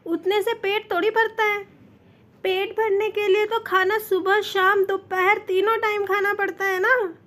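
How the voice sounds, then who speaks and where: A woman's voice: sits high, a little slow. A woman reading a fan fiction story aloud and voicing a young man, a teasing boyfriend who turns earnest when he confesses his love. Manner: teasing, then earnest and soft.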